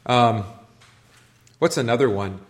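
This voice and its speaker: A man leading an informal church class, talking conversationally and putting questions to the group. His voice sits at an ordinary middle pitch for a man. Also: lively intonation, slow. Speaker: pastor teaching a class.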